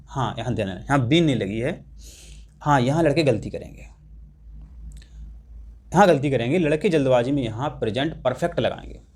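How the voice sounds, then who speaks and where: A man with a fairly high voice teaches an exam-prep lesson. He goes over each point, repeats it and stresses it for his students. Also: darkish tone. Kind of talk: exam-prep lesson explaining English grammar in Hindi.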